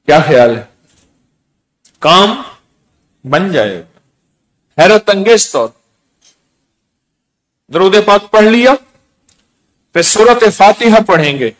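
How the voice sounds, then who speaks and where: High-voiced man leading fervent prayer. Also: poor audio. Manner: fervent, repetitive exhortations; slow, drawn-out chanting of verses. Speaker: spiritual leader guiding group recitation. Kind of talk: sermon with guided prayer recitation.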